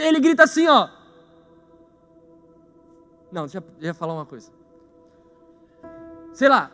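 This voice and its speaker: A young adult man with a Brazilian Portuguese accent, preaching a lively sermon in church and often putting questions to the congregation. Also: extremely high pitch. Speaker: pastor. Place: church hall.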